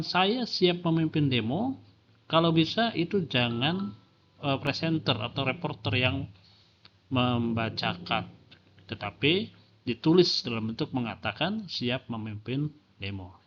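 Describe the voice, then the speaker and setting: A man's voice: medium pitch, muffled recording. A male lecturer, explaining a lesson with examples, frequent fillers and rhetorical questions. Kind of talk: classroom lecture.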